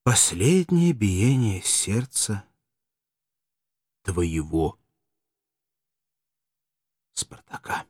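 A doomed gladiator's mournful, declamatory farewell to his beloved, read by a man. The delivery is slow and low, recorded dry and close. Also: big pitch swings, a little mellow, husky, no room sound, exaggerated voice. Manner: mournful, declamatory letter reading. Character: doomed male gladiator writing farewell letter.

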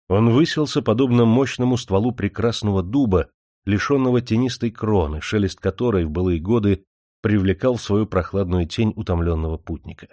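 Man, audiobook narration, steady, descriptive, lowish voice, dry. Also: dry recording.

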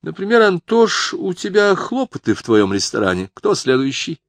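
A man's voice: sits high, wildly swooping pitch, normal speed, no echo, pitched above the performer's own voice, heavily acted. Man voicing a brooding woman fortune teller. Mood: ominous. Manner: ominous, clipped card readings. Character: moody middle-aged woman fortune teller.

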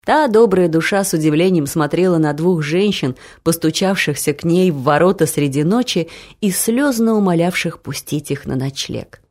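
A woman narrating a humorous family story for an audiobook, expressive and lively. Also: lowish voice, moderate pace.

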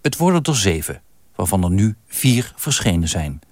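Deep-voiced man narrating a documentary. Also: very animated, normal speed, darkish tone, no echo. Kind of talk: scripted narration.

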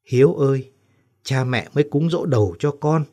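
A man's voice: medium pitch, normal speed, mellow, lightly acted. A man voicing an older mother who speaks tenderly and pleads in a trembling voice, in an audio story.

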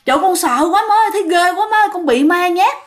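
A woman's voice: extremely high pitch, animated, fast talker, pitched above the performer's own voice. A woman doing a terrified young daughter-in-law. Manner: panicked, pleading wails.

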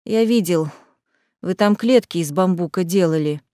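A man's voice: high-pitched, normal speed, dry recording, studio quality, voice pushed down, close to an everyday voice. A woman voicing a stern, weary male guardian of a camp, a man with a cold, threatening manner who snaps when pushed. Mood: menacing. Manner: cold, menacing, then shouting.

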